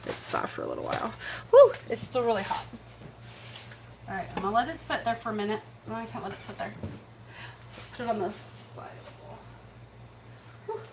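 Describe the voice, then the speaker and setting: A woman's voice: on the high side, expressive, fairly quick, pauses often, noisy background. A woman hosting a casual home cooking livestream in her kitchen, chatty and rambling, poking fun at herself. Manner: chatty, rambling, self-deprecating. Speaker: cooking show host.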